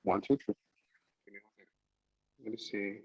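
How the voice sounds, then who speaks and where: Guy teaching over a video call, voice cutting out on a bad connection, dull lo-fi sound, kinda halting. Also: fairly low pitch, creaky, warm tone. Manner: halting, repeats words while working through a chart. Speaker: trading workshop instructor. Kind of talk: online workshop lesson. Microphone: online video call. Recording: dull, dry, lo-fi call audio.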